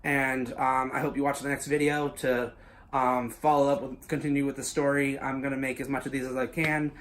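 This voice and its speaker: A man casually pitching his own story as a YouTuber, loose and swearing, full of filler words. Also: level tone, fairly quick, fairly bright tone.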